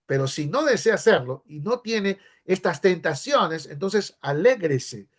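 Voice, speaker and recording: A man's voice: high-pitched, lively intonation, measured pace. A man from Peru with a Peruvian accent, a pastor giving a teaching class in a conversational way, often checking in with his listeners. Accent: Peruvian Spanish. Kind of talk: sermon-style teaching class.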